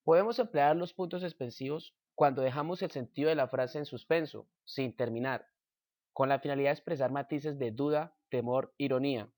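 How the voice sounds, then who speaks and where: A man slowly reading out a punctuation lesson at a middling pitch. The voice is dry and close, with no room sound. He pauses after each point. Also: darkish tone, dry recording. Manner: slow, measured reading with example sentences. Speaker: teacher. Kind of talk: reading a grammar lesson aloud.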